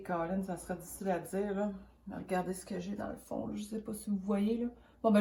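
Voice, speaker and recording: Casting: Quebec woman, soft mellow tone, chatty hands-on craft tutorial host with a cold, roomy echoing sound. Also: medium pitch. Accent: Quebec French. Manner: chatty, rambling, hesitant thinking aloud. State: has a cold. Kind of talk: casual hands-on painting tutorial.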